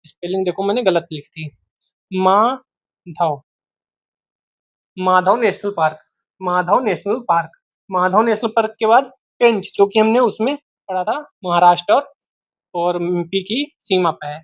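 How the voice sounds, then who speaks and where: A man's voice: high voice, normal speed, no echo, highs cut off. A man teaching a map-based geography lesson for exam students, repeating each name and asking and answering his own questions.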